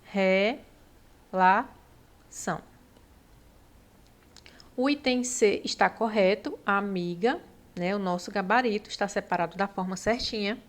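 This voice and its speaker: Brazilian lady teacher, patient, sounds out syllables slow, keeps checking in, mid pitch. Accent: Brazilian Portuguese. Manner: patient, drawn-out syllables, frequent "né?" and "ó". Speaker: Portuguese teacher for exam prep. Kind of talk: explanatory lesson.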